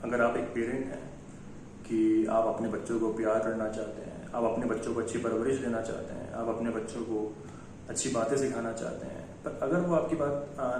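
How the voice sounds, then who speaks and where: A man's voice: medium pitch, a little mellow. A man hosting a college event, giving an earnest stage introduction and posing rhetorical questions. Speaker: event host introducing an act. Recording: very echoey hall, distant mic, faint noise.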